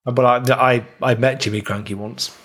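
Man, podcast co-host, casual chat, jokey storyteller, mid-pitched voice. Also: moderate pace. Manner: jokey storytelling, animated impressions.

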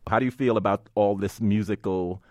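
A man hosting an interview, asking the guest questions in a relaxed, joking way. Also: on the low side, a little fast, no echo, studio quality.

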